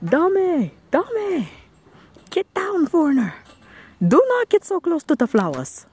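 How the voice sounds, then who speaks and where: A woman's voice: very high-pitched, wildly swooping pitch, measured pace, voice pushed up, full character voice. A woman voicing a bossy female park guard who barks scolding orders outdoors in a garden. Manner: barking, shouted orders.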